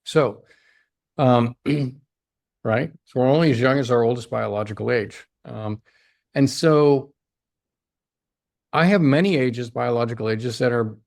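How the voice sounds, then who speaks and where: Gravelly-voiced man explaining with emphasis. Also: medium pitch, measured pace, pauses often, darkish tone, no echo, studio quality. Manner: emphatic, often ends points with "right?". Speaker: longevity doctor, podcast guest. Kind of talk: explanatory interview talk.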